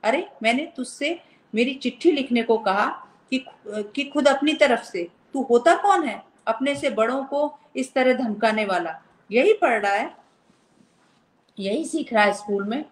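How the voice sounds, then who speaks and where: A young elder sister figure, stern yet loving, speaks with heartfelt feeling, voiced by a woman reading a story. Her voice sits a little high. The sound carries a roomy echo. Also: animated, measured pace. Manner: scolding then tender, heartfelt.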